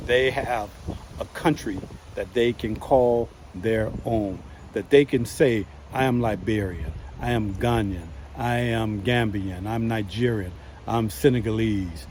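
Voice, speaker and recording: A man talking casually to camera from his yard, relaxed and folksy, with lots of "you know" fillers. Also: mid-range voice, slight background noise. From United States. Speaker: vlogger.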